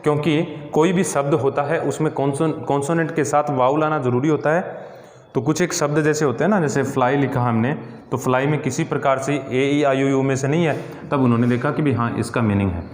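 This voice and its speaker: A man's voice: medium pitch, fairly quick. Man teaching in an echoey room. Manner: explanatory, repeats "ठीक है" and asks the class rhetorical questions. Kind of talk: classroom grammar lesson. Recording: echoey room with long reverb.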